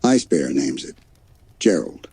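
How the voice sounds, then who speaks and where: A man voicing a stoic, wise male polar bear in a bedtime story, soft, terse and deadpan. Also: very deep voice, measured pace, slightly rough, no echo, heavily acted. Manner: deadpan, soft, matter-of-fact, third-person.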